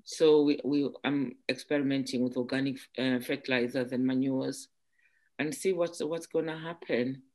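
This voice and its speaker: A woman from Zimbabwe, an entrepreneur guest in an interview, who talks haltingly with many restarts and "um"s. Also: rumbling low, fairly even intonation, a little mellow. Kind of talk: casual interview chat.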